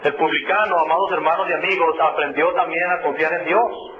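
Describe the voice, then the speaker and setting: A man's voice: a little high, steady tone, fairly quick, crowd noise. A man preaching a sermon in an earnest way, repeating key phrases and addressing his listeners as brothers. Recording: echoey tinny phone-like radio broadcast with noise.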